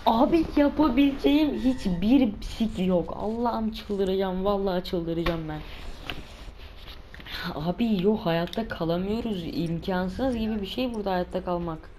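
A woman's voice: mid-range voice, moderate pace, hardly any pauses, noisy background. A woman giving let's play commentary, exasperated and cursing at enemies. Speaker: gamer playing a survival shooter.

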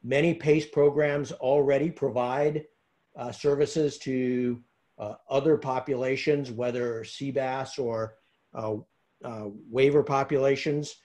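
Halting man giving public comment. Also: mid-range voice, steady tone, dark tone. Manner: halting, many fillers. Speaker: public commenter for a care program. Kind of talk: public comment at a virtual meeting.

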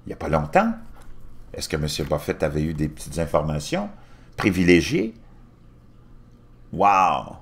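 A man's voice: extremely low pitch, huge pitch swings, unhurried, gravelly, pauses often. A middle-aged man hosting his own channel, reading news articles aloud from his screen and adding his own asides. He often stumbles and restarts words while reading, recorded on a desktop mic in a small room at home. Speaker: YouTube channel host.

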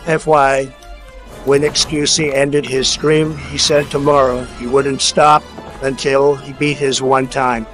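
A man's voice: mid-range voice, flat delivery, slow, soft background music. A synthetic male text-to-speech voice reading donation messages in a stiff, evenly paced way.

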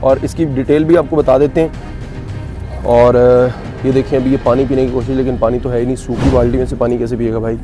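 A man's voice: mid-range voice, little pitch movement, a little fast, music in the background. A man giving casual walking vlog commentary while touring a cattle farm outdoors, chatty and joking with his viewers.

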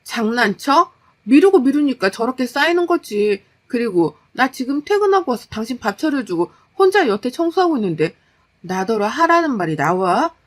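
A woman's voice: fairly high pitch, big pitch swings, moderate pace. A woman voicing an exhausted working wife who scolds her husband in exasperation in a story. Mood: exasperated scolding.

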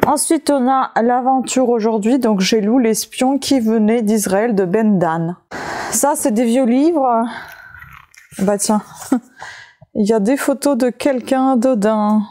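A woman with a mellow, slightly high voice talks slowly through a pile of found books. She hesitates often, filling gaps with small sounds as she reads out titles. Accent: French-speaking with a non-native accent. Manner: slow, hesitant listing with many fillers. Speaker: vlogger showing found books. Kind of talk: casual haul video chat.

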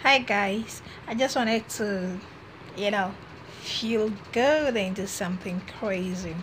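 Sitting on a red couch in a small indoor room, a young woman vlogs to a phone camera held at arm's length, chatting casually and encouragingly while frequently restarting her phrases. Her voice is medium-pitched and slow. The low-quality recording carries a bit of hiss or hum.

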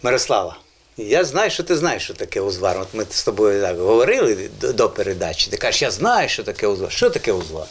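A man's voice: lowish voice, big pitch swings, quick pace, husky. A man hosting an educational children's TV show about language, explaining words patiently and encouraging the children in the studio. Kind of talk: educational TV presenting.

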